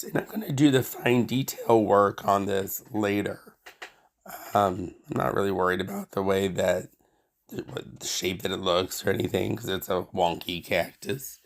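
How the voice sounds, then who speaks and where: A man's voice: on the low side, unhurried, gravelly. A man with a stuffy nose from a cold, casually narrating a craft tutorial in a hesitant, self-correcting, apologetic way. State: sick with a cold or sinus infection, stuffy nose. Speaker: art tutorial host.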